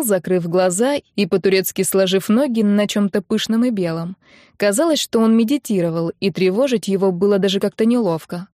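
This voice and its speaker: A woman's voice: mid-range voice, a little mellow, no echo. Woman reading an audiobook, dry sound. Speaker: audiobook reader. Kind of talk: audiobook narration.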